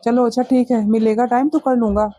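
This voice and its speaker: Lady doing a grumpy office husband, lower dark voice, dry and close. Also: steady tone, a little fast, no room sound, natural voice. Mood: brusque. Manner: brusque, impatient. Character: busy office-going husband, curt and dismissive.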